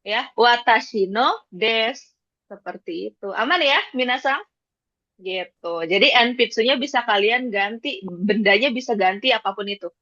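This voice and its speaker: A woman's voice: fairly high pitch, moderate pace, bright, forceful tone, no room sound. A woman teaching Japanese to a class, patient, repeating points and checking that students follow. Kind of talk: classroom lesson. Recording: dull lo-fi dry sound.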